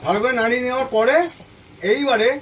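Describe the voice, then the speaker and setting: This cooking-channel host has an extremely high, slightly bright voice with fairly even intonation and a quick pace, heard off the mic from a distance with slight background noise. Speaking directly to viewers from his kitchen stove, he goes through a recipe step by step and repeats each instruction while food fries and gets stirred.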